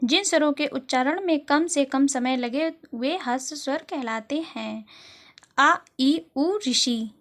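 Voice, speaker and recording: A woman's voice: high-pitched, slow, a bit bright. A woman teaching as she reads out exam questions, then explains the answers and repeats them. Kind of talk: exam-prep lesson.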